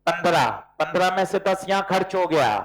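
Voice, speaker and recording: A male physics teacher with a slightly higher voice gives a classroom lecture. He works problems aloud and keeps firing short questions at his students. His manner is brisk and coaxing. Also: rough recording.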